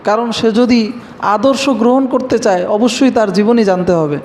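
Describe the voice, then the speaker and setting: Man, preacher, very high voice, recites Arabic verses then explains, long hall reverb. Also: normal speed, a little mellow, a little hiss or hum. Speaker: Islamic preacher. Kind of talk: religious lecture.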